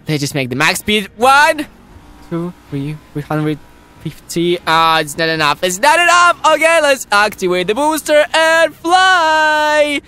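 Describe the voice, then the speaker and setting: Wildly animated gameplay commentator. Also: medium pitch, smooth, soft background music. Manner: shrieks and pleads with rapid repeated words; frequent giggling. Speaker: gameplay video host.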